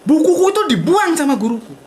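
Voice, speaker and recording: A man's voice: very high-pitched, big pitch swings, fast, darkish tone, slight background noise. A man giving a blunt, outspoken casual talk to an audience, often tagging sentences with "gitu loh". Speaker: invited speaker at a religious discussion.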